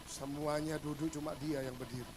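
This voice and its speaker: A male pastor giving a humorous sermon, telling stories and acting out the dialogue, swinging between loud bursts and hushed asides. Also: a little high, little pitch movement, brisk, background noise.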